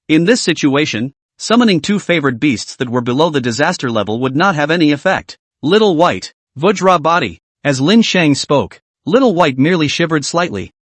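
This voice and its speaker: A man tells an anime recap with a lively, swooping delivery. His voice sits a little high. The recording is dry and close. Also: no echo. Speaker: narrator.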